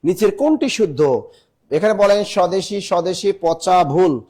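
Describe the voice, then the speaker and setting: A male teacher with a Bangladeshi Bengali accent runs a live online spelling class in a high-pitched voice. He spells words out letter by letter and keeps pressing his students to answer quickly. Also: lively intonation, warm tone, husky. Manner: brisk, urging students to answer fast.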